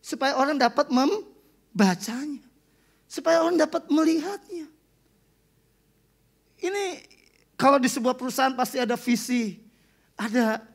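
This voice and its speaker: High-voiced woman preaching with emphasis. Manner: emphatic, rising to loud declarations. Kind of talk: sermon.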